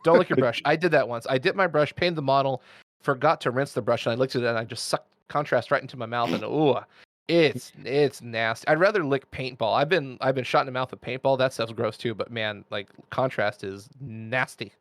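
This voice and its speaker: A man talking casually on a podcast as the guest, walking listeners through painting methods step by step. His voice sits at an ordinary pitch for a man and is recorded dry and close, with almost no room sound. He keeps slipping in jokes and side remarks as he goes. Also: brisk, a bit bright, dry recording. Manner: chatty, detailed explainer with asides and jokes. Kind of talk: casual podcast chat, explaining technique.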